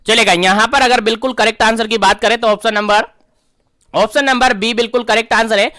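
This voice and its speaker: A man's voice: sits high, steady tone, brisk, bright, forceful tone, no room sound, clean studio sound. A young man teaching an online nursing exam-prep class, emphatic, repeating key answers back as quiz questions.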